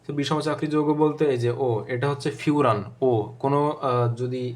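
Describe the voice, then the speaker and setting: A young man with a Bangladeshi Bengali accent works through chemistry exam questions like a tutor. His voice stays flat and even in pitch. He fills the gaps with hesitations, corrects himself mid-word and drills memory tricks by repeating them. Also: brisk. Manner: thinking aloud with many fillers and self-corrections. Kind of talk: exam-prep lecture, solving multiple-choice questions.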